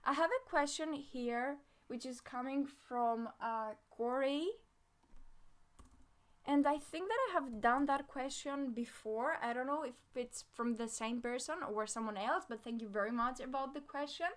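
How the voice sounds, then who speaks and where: A woman's voice: high-pitched, a little slow. Chatty young woman hosting a live Q&A. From Greece. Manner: chatty, many fillers, reads comments aloud. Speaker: live Q&A host, front-end developer. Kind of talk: casual live-stream Q&A.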